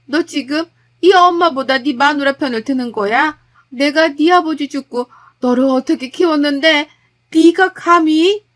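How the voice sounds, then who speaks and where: Woman doing a shrill scolding mother-in-law. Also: measured pace. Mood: outraged. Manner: nagging, scolding, high and loud.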